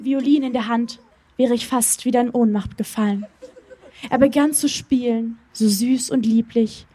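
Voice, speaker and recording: Warm, breathy woman reading a story. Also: fairly high pitch. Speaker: reader at a public reading. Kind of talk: reading her own story aloud.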